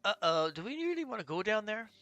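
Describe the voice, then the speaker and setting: A man's voice: sits high, big pitch swings, fast, bright, forceful tone, highs cut off, soft background music. A man streaming a factory-building game, thinking aloud in casual commentary with fillers and restarts.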